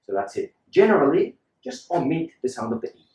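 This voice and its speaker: A man's voice: fairly high pitch, very animated, fairly quick, darkish tone, reverberant. A man teaching English pronunciation in a patient lesson style, repeating example words for the learner to copy.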